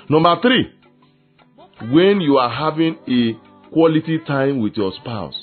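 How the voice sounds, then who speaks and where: A man, preaching a lively sermon on marriage and slipping into acted quotes of husbands and wives. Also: medium pitch. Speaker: pastor. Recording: tinny phone-like sound with faint music.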